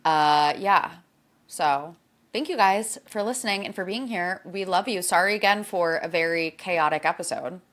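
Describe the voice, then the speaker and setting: A woman's voice: lowish voice, moderate pace, a bit bright. A woman co-hosting a podcast, chatting casually and informally with plenty of slang. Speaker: podcast co-host. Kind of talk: casual chat.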